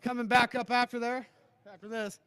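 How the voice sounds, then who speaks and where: Excitable gravelly-voiced race driver. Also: male voice, very high voice, fairly quick. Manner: excitable, rattling off sponsors. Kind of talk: post-race interview.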